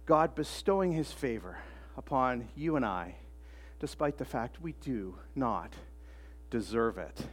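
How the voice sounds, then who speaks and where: A man preaching a sermon as pastor, telling stories with lively acted quotes and repeating key phrases for emphasis. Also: medium pitch, unhurried, husky.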